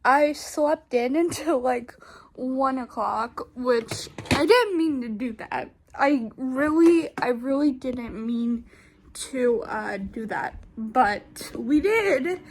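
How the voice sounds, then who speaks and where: A young woman vlogging casually, rambling in a halting way with many fillers and restarts. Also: high-pitched, expressive, slight background noise. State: sleepy, just woke up. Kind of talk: casual personal vlog.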